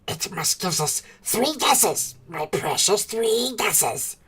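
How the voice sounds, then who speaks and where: Hissing, raspy Gollum creature. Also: male voice, high-pitched, expressive, takes it slowly, pushed and bright, voice pushed up, exaggerated voice. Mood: hissing, pleading. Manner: whiny muttering to himself, erratic and drawn out. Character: miserable, wicked, slimy cave creature, wheedling and resentful.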